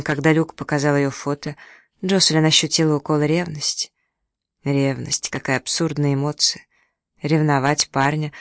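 An audiobook narrator reads a novel with a measured, even delivery. The voice sits at a middling pitch. It is recorded close and dry with no room around it. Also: no room sound. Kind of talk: scripted narration.

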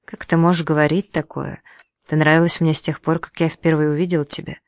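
An audiobook reader voicing an earnest young gardener who pleads and tries to hold himself back. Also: male voice, a little high, level tone, fairly quick, vocal fry, no echo, studio quality. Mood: pleading. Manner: pleading, restrained. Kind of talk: audiobook dialogue.

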